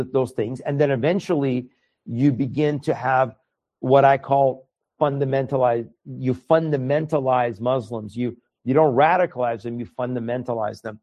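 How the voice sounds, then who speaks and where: A man's voice: medium pitch, muffled recording. A man from Iran whose first language is Farsi, a guest speaking earnestly in a conversational interview and often repeating words as he starts a thought.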